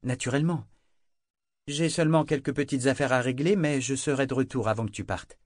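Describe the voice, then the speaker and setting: A man reading a calm young woman sailor. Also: mid-range voice, no echo, studio quality, voice pushed up, close to an everyday voice. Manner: calm, measured.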